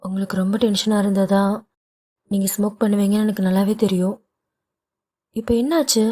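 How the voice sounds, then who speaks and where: Woman voicing a playful young wife, audio novel, coaxing and caring, mellow voice. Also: medium pitch, fairly even intonation, moderate pace, lightly acted. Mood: teasing.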